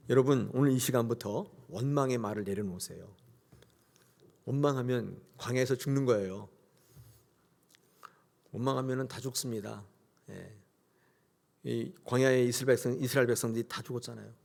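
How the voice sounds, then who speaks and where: Emphatic Korean pastor preaching a sermon. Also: male voice, medium pitch, creaky, darkish tone. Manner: emphatic preaching, leads congregation in call-and-repeat; acts out biblical characters in quoted voices.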